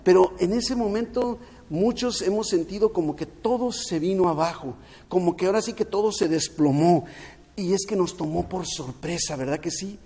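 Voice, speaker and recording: A man's voice: sits high, normal speed, warm tone, breathy edge. A man preaching a sermon as pastor, earnest, often repeating words and restarting. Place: at home, streamed during lockdown. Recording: long hall reverb.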